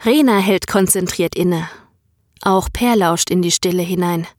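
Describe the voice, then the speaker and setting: Audiobook narrator: woman, slow and measured, dry close studio sound. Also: on the low side, a little mellow, dry recording. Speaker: audiobook reader. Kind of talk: scripted narration.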